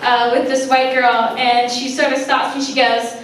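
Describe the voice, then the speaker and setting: High-voiced woman doing halting stand-up. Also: heavy background noise. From Sri Lanka. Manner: hesitant, lots of ums and uhs, deadpan. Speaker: stand-up comic. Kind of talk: stand-up comedy set. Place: college open mic room with audience. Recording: roomy hall recording from far off with crowd.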